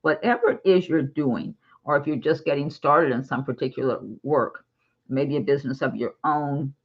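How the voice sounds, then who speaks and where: Husky-voiced woman giving a chatty tarot reading. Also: low voice, normal speed, muffled recording. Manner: chatty, giggly, warm reassurance. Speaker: tarot reader. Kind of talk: casual tarot reading monologue.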